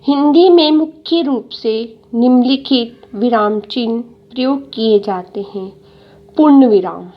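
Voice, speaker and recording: A woman's voice: fairly high pitch, slow, muffled recording. A woman teacher giving a grammar lesson to children, explaining each point and then repeating it in simpler words. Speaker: school teacher.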